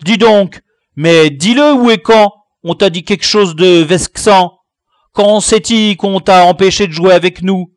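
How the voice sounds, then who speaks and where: A man voicing a defiant young schoolboy gang leader who hurls loud insults in a storybook reading. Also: high-pitched, unhurried, no echo, studio quality, pitched above the performer's own voice. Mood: fierce, indignant. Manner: shouting insults, fierce.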